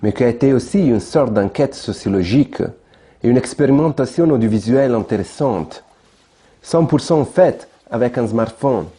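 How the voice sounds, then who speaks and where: A man narrating his own documentary in a measured, reflective voice-over. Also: mid-range voice, expressive, warm tone, breathy edge. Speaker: filmmaker narrating his project.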